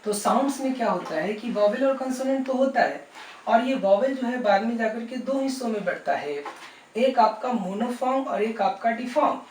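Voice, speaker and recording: A man's voice: high-pitched, slight background noise. A man teaching an English lesson, fondly addressing his students and repeatedly asking them rhetorical questions. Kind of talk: classroom lesson video. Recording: roomy and distant with faint music.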